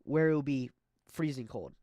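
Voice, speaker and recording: A man's voice: mid-range voice, moderate pace, warm tone. A man hosting an online monster battle video, talking through the matchups in a casual, hesitant way with frequent fillers. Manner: hesitant, filler-heavy delivery. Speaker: YouTube battle-video host. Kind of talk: casual scripted commentary.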